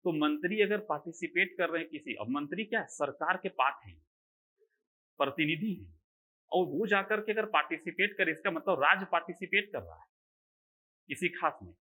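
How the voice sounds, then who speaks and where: A man leads an online exam-prep class, raising rhetorical questions that he answers himself while often checking that his students understand. His slightly high, sharp voice has lively intonation at normal speed, and the recording is rough.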